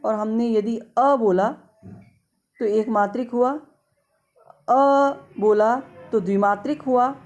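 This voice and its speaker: A middle-aged woman teaching in a slow, deliberate way, stretching vowel sounds to show how they are spoken. Her voice sits a little high but sounds mellow and soft rather than bright. She takes her time, giving every phrase room. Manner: slow, deliberate explaining, drawing out vowels to demonstrate. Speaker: Sanskrit lecturer. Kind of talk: slow explanatory lecture.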